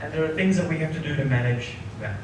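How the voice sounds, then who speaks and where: A man's voice: on the high side, expressive, fast. Sri Lankan-born man lecturing, echoey room. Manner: keeps checking in with the audience by asking "right?". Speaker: psychologist giving an executive workshop. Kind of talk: interactive workshop lecture. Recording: echoey room, voice from a distant mic, noticeable background noise.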